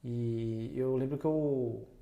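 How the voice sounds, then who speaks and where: Man talking in a warm, roomy podcast room. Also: medium pitch, fairly even intonation, slow, gravelly, lo-fi sound. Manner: reflective storytelling, laughs often at himself. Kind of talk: casual podcast conversation. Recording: roomy echo.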